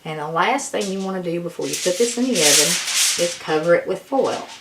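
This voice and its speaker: A woman gives a folksy, casual cooking tutorial in a hoarse voice that is giving out. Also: fairly low pitch, lively intonation, a little fast, heavy background noise. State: hoarse, losing her voice. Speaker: home cook presenting a recipe.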